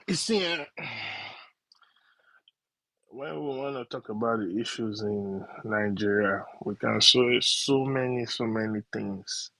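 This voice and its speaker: Guy on a glitchy call, voice keeps cutting out and fading, dry sound, slow hesitant talk with ums. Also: on the low side, creaky, sharp tone, no room sound. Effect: voice breaking up over a poor online connection. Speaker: participant in an online audio space. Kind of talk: casual political talk. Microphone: failing headset.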